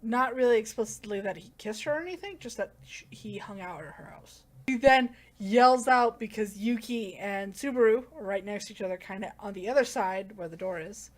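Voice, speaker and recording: A woman's voice: mid-range voice, a little fast, few pauses. Chatty woman rambling through a recap. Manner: rambling, full of "like" and self-corrections. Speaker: manga reviewer. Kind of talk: casual plot recap.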